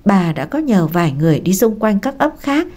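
A woman narrating a story in a steady, expressive audiobook reading. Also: medium pitch, brisk.

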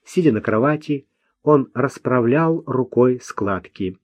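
A man narrates a novel at a slow, careful pace, his pitch rising and falling expressively. The recording is close and dry, with a slightly muffled top end. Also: lively intonation, no room sound. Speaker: audiobook reader. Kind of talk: scripted narration.

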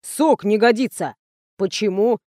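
A woman's voice: mid-range voice, a little slow, warm tone, no echo, clean studio sound, natural voice. A woman voicing a fussy, methodical man who explains the sponsor's rules matter-of-factly.

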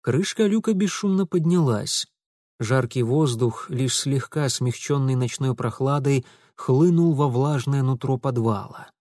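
A man's voice: medium pitch, unhurried, no room sound, clean studio sound. A man narrating an audiobook dramatically, voicing sound effects along the way. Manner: dramatic, expressive reading with voiced sound effects.

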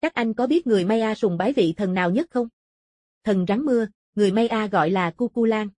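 Curious man who explains old ruins, thoughtful, read by a woman narrator, husky, audiobook. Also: mid-range voice, brisk, a little mellow, dry recording, studio quality, close to an everyday voice. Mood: musing. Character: curious adult male former lawyer turned ruins explorer.

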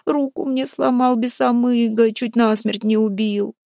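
A woman's voice: fairly high pitch, fairly even intonation, measured pace, gravelly, warm tone, no room sound, clean studio sound, pitched above the performer's own voice. A woman doing a wailing, terrified village wife. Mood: pleading. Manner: wailing, begging. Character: frightened young village wife, pleading.

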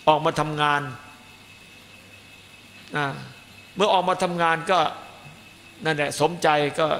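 A man's voice: on the high side, steady tone, slow pace, fairly bright tone. A man, a Buddhist monk teacher, giving a dharma talk and stressing points by piling up repeated phrases. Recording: echoey hall, faint noise.

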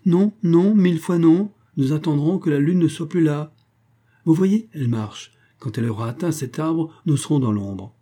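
A man voicing a frightened young noblewoman who gives orders in a high, pleading, insistent voice. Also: animated, moderate pace, hardly any pauses, dark tone, slightly rough. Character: frightened young noblewoman, baroness, bossy in panic.

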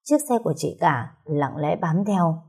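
A woman narrating a dramatic story in a steady, scripted reading. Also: sits low, normal speed, breathy edge.

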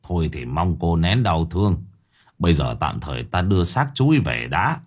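A man voicing an older village chief who speaks low and haltingly, shaken but in charge. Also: big pitch swings, slightly rough, full character voice.

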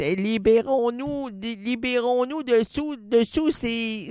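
A man's voice: high-pitched, smooth, no echo, studio quality. A man hosting a bantering comedy sketch, mixing playful jokes with mock-solemn recitations.

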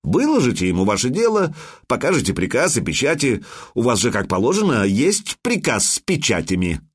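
Give me a man playing a shrewd, mocking customs officer in an audiobook, slow and deliberate. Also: medium pitch, wildly swooping pitch, slightly rough. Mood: sly. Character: shrewd male customs officer, sly and unhurried.

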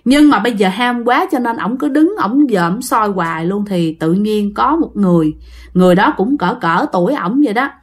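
A woman's voice: mid-range voice, animated, normal speed. A woman with a Southern Vietnamese accent, hosting a ghost story channel and narrating in a chatty way, often addressing her listeners.

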